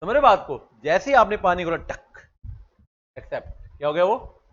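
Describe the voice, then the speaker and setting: A man's voice: sits high, lively intonation, fast talker, highs cut off. A man teaching a law lecture in a chatty way, switching into English legal terms and telling stories from daily life. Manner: chatty, mixes English legal terms into Hindi, tells anecdotes.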